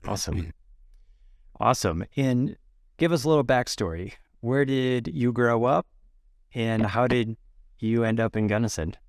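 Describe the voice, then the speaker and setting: A man's voice: mid-range voice, unhurried, long pauses, no room sound, clean studio sound. A man hosting a podcast interview, encouraging his guest with short affirmations. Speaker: podcast host. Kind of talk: casual interview questions.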